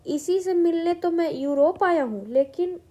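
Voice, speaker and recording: A woman's voice: very high-pitched, a little slow, mellow, voice pushed up. A woman reading a bold young comic hero. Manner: plain storybook reading of a hero's lines.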